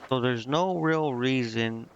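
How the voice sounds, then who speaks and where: A video game streamer talks slowly in a medium-pitched male voice, casually commenting on his gameplay as he thinks aloud. He muses and questions himself while reading menus, and his muffled lo-fi mic picks up obvious background noise.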